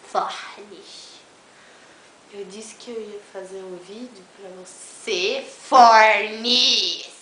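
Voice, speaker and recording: A young woman from Fortaleza, teasing a friend in a video message, dropping to mutters and jumping to loud squeals. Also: medium pitch, steady tone, slow, echoey room, a little hiss or hum, rough recording. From Fortaleza, Brazil. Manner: mock-insulting and playful, swings between mutters and loud squeals.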